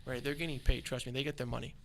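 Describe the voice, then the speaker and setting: A young man who is a guest on a casual interview, agreeable and quick to say yeah, explaining his work. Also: mid-range voice, fairly even intonation, gravelly, slight background noise.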